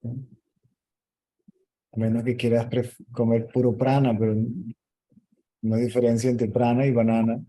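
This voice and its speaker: Male spiritual teacher, very dark mellow voice, calm explainer. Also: mid-range voice, moderate pace, pauses often, poor audio. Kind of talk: answering questions in a meeting.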